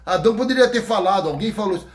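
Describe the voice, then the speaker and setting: A man's voice: high-pitched, animated, rapid-fire. A man with a Brazilian accent preaching an informal sermon in a folksy, joking way, acting out scenes. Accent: Brazilian Portuguese. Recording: echoey room.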